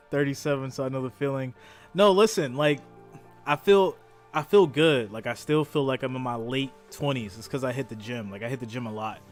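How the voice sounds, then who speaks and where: Guy in his 30s rambling on his live stream, keeps repeating himself, faint music behind. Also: medium pitch. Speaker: live stream host reacting to a game. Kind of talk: casual live-stream chat with viewers.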